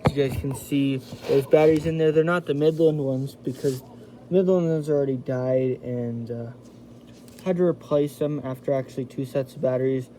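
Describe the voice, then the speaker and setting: Against a noisy background, a man of medium pitch and fairly even intonation talks at normal speed while reviewing a radio at home. It's an informal, hands-on video where he chats straight to his audience and calls them "you guys."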